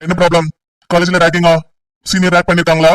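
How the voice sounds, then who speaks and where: A man playing a stern police officer and father in an amateur audio drama, brisk and lecturing. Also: high voice, completely flat delivery, a bit bright, clean tone, distant mic, low-quality recording. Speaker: police officer leading an enquiry.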